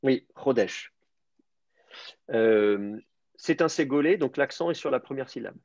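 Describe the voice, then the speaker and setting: With an expressive, slightly mellow mid-range voice at normal speed, a man explains Hebrew grammar and word roots to an advanced online class, stumbling through fillers and restarts. There's no echo, though the audio is dull and lo-fi.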